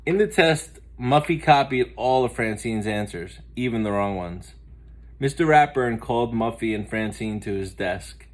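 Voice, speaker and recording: A man with a medium-pitched voice reads aloud from a children's picture book, speaking at normal speed and bringing the story to life expressively.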